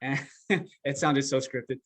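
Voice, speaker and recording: A man, a coach and podcast guest, telling a story in an animated, emphatic way and acting out what people said. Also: mid-range voice, slow pace. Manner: animated, emphatic storyteller who acts out quotes. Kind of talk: conversational storytelling. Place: podcast interview.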